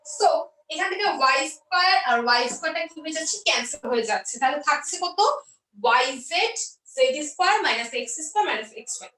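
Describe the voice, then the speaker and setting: A woman's voice: high voice, expressive, fast talker, pushed and bright, distant mic. A woman teaching math step by step, asking questions and then answering them herself. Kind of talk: explaining a math lesson step by step. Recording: roomy echo, voice off-mic.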